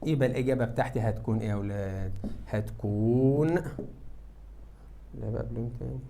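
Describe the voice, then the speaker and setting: Fast-talking Egyptian male English teacher. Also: fairly low pitch, gravelly. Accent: Egyptian Arabic. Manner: lively, asks students questions and answers them himself. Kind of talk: classroom lesson explaining exam answers.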